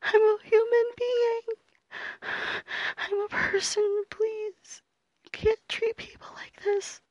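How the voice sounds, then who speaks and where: A woman playing a sharp-tongued student, high and gravelly. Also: slow, no echo, lo-fi sound, exaggerated voice. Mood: frightened pleading. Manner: profane, alternating defiance and pleading. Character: sharp-tongued young female student, mean streak. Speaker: voice actor. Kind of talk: audio roleplay acting.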